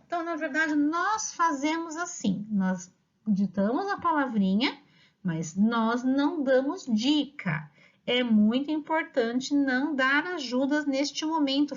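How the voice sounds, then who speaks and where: A middle-aged woman teacher with a Brazilian Portuguese accent, patiently explaining to parents and dictating words slowly. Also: sits high. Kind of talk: instructional talk to parents. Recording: dull lo-fi audio.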